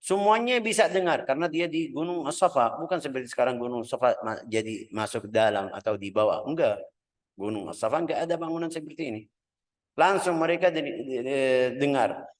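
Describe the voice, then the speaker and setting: A man's voice: mid-range voice, fairly quick, low-quality recording. A man from Yemen, teaching a religious lesson on the Prophet's life. He searches for words with many filler sounds and acts out calls and dialogue as he tells the story. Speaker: Islamic studies teacher.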